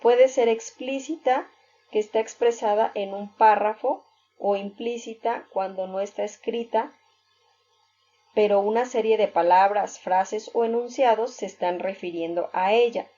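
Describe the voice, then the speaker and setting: A woman teacher giving a recorded lesson, explaining step by step with examples and filling pauses with "este". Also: mid-range voice, fairly even intonation, warm tone. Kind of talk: recorded reading-skills lesson. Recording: dull lo-fi recording.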